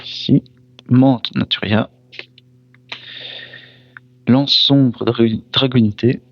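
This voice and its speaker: A man's voice: medium pitch, fairly even intonation, vocal fry, dull audio. A man opening trading card packs, reading each card name aloud and reacting briefly. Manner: reads card names one by one, pausing to react; apologizes for mispronouncing foreign names. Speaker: card pack opener. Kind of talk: casual card opening commentary.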